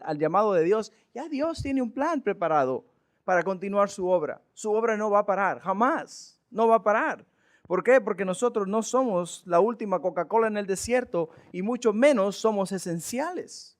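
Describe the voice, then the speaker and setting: A male pastor giving a Bible study sermon, earnest and emphatic, often asking his listeners rhetorical questions. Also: high voice.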